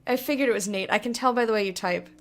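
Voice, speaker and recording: A woman's voice: medium pitch, fast. A woman giving casual live gameplay commentary as a streamer, gushing and sentimental. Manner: gushing, sentimental, baby-talks to the game. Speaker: game streamer.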